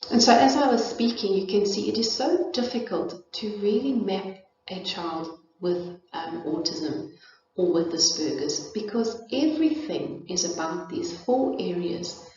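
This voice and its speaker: A middle-aged South African woman presenting on parenting and child development sounds expressive, a little mellow and a little slow in her mid-range voice. Her informal educational talk is thoughtful, marked by frequent fillers and restarts. The room recording is echoey, distant and dull, with slight background noise.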